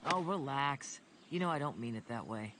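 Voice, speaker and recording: A woman voicing a gruff male dog trainer who speaks bluntly and gives commands in a storybook reading. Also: rumbling low, expressive, moderate pace, noisy background. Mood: commanding. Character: gruff man, dog trainer, brusque and teasing.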